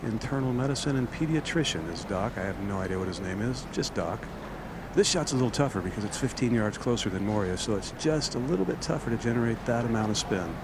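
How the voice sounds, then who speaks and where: Guy doing on-course golf commentary, explains the shots, loud outdoor noise all around. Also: mid-range voice, lively intonation, quick pace. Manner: explanatory, detailing each shot.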